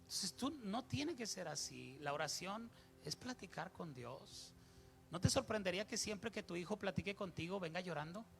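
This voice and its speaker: A man's voice: sits high, lively intonation, normal speed, creaky, a bit bright, soft background music. A middle-aged man, a pastor preaching a sermon, playful and acting out little dialogues. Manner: playful, acts out little dialogues with shifting voices.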